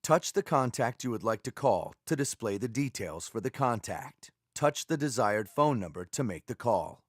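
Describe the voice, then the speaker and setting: A man's voice: mid-range voice, expressive, normal speed, no echo, studio quality. A man giving neutral, scripted step-by-step instructions as a video narrator. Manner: clear, neutral, procedural delivery. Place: dry studio voice-over.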